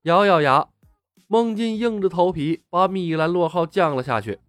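A man narrating a serialized audiobook story in an expressive storytelling manner, close to the mic. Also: high-pitched, normal speed, no room sound, faint music behind.

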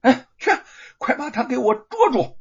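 Storybook magistrate, male, scheming coward, flustered and wheedling; husky, dull-sounding voice, played by a male narrator. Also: a little high, wildly swooping pitch, moderate pace, darkish tone, voice pushed up, exaggerated voice. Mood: alarmed.

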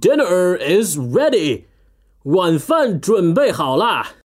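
A woman voicing a brave little child knight in a storybook, speaking slowly and saying each line first in English, then in Chinese. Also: fairly low pitch, sing-song, soft background music, voice pushed down. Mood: heroic, friendly. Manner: slow, deliberate bilingual lines, English then Chinese.

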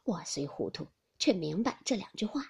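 Woman reader doing a soft-spoken young nobleman, husky half-whisper, pleading. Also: lowish voice, big pitch swings, moderate pace, full character voice. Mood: coaxing. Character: young nobleman, gentle and coaxing.

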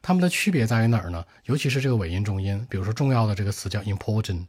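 A man teaching exam-speaking tips in a brisk, direct way, talking straight to his viewers. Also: lowish voice, lively intonation, darkish tone, husky. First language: Mandarin Chinese.

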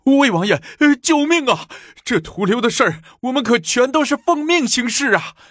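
Cowering henchmen in a spoken historical tale, wailing in high, strained voices as they plead for mercy, as a man puts them on. The voice sits close and dry. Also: animated, normal speed, a bit bright, dry recording, heavily acted. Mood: begging. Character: terrified male henchmen begging for their lives.

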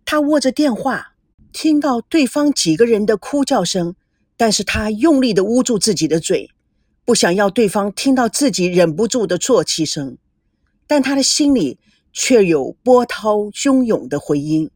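Woman storyteller, audiobook style, pitch swings a lot, dry. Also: moderate pace, no room sound. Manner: expressive, voices the young characters too. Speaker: narrator. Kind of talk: audiobook narration of a novel.

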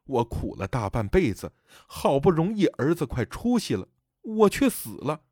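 A man voicing the grieving spirit of a dead elderly mother, speaking softly and sorrowfully. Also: a little high, very animated, normal speed, no room sound, clean studio sound. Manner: soft, sorrowful pleading.

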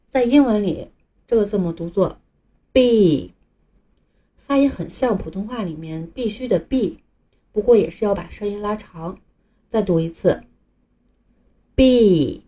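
Patient woman teaching in a dark voice. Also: medium pitch. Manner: patient, clear explanations with drawn-out example sounds. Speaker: English teacher. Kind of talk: recorded lesson for beginners.

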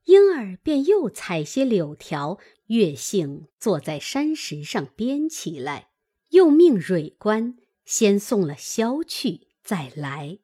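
A woman reading a classic novel aloud in a measured, expressive way. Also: mid-range voice, breathy edge. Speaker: reader.

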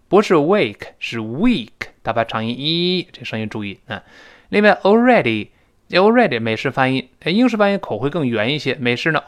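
Male English teacher, middle-aged, animated pitch, drills pronunciation. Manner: lively, explaining and drilling pronunciation. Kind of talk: recorded English lesson.

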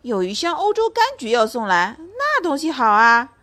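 Old deaf bear, drawly and pleased with himself, a mom puts him on, storybook. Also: female voice, high voice, big pitch swings, normal speed, a bit bright. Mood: dotty. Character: very old, half-deaf, sly male circus bear.

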